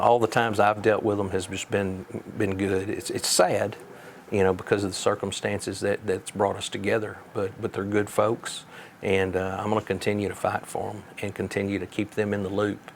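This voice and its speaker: Male law officer interviewee, measured and folksy, flat delivery, faint noise on the recording. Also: fairly low pitch. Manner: plain-spoken, folksy. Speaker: sheriff being interviewed.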